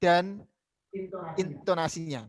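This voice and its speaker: Male teacher for young kids, video call, patient explainer, slightly high voice, unhurried. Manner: patient, explains by example and repetition. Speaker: primary school teacher. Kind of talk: online class lesson.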